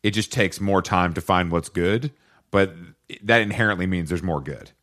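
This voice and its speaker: A man co-hosting a podcast in casual chat, blunt, opinionated and quick to swear. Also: sits low, a bit bright. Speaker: podcast co-host.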